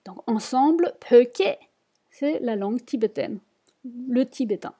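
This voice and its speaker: A woman's voice: a little high, expressive, measured pace, warm tone, breathy edge. A woman teaching a reading lesson, patiently repeating each word and explaining it. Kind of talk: slow spoken lesson.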